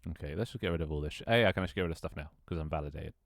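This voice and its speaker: While getting his game set up on a live stream, a young man rambles casually to his viewers and to himself, often restarting and laughing. He has a very deep voice and talks very fast, with studio-quality sound and no echo.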